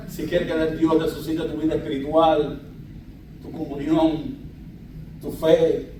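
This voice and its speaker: A pastor preaching a fervent sermon, calling on the congregation to shout amen, heard from a distance in a large church. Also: male voice, fairly high pitch, very echoey, background noise. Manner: fervent, calls out for amens.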